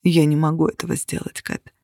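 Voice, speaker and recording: A reader doing a calm, sad ancient vampire. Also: mid-range voice, vocal fry, no echo, studio quality. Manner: quiet and measured.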